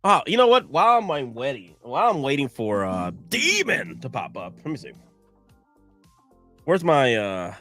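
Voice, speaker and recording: Huge pitch swings mark this man's mid-range voice, which is sharp in tone and at normal speed, with no room sound and soft background music. A tired Southern American in his thirties, he rambles on a casual live stream, restarting and making asides to viewers.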